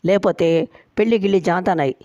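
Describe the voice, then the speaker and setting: A woman storyteller voicing a bossy, sharp-tongued young woman who sets firm terms for her marriage. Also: lowish voice, a little fast, no echo, highs cut off, natural voice. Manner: firm, teasing, laying down conditions.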